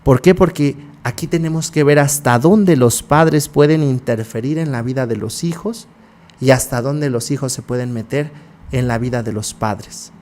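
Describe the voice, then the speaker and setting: A man's voice: mid-range voice, a little mellow, slight background noise. A man, hosting a psychology podcast and talking passionately, asking rhetorical questions and answering them himself.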